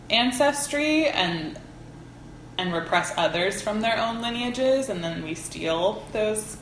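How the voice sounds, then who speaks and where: A folk herbalism teacher, appearing as an interview guest, talks casually and reflectively, searching for words in long, winding, informal sentences. Her voice is fairly low and a bit bright. The poor audio is reverberant, with a little hiss or hum.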